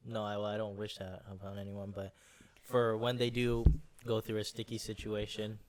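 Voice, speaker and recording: A young man co-hosting a casual podcast chat, rambling and hesitant with many fillers. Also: mid-range voice. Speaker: podcast co-host.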